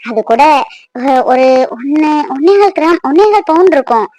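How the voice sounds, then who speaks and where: Woman as a sweet young cartoon wife, squeaky high voice, dry close studio sound, soothing and patient. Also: animated, moderate pace, mellow, dry recording, lo-fi sound. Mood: calm advice. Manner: soothing, coaxing. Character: young devoted wife, gentle and reassuring.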